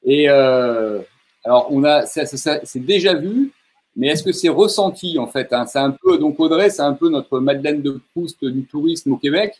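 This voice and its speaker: Husky higher-voiced male moderator. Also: normal speed, a little mellow. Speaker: host, moderator. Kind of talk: informal event moderation.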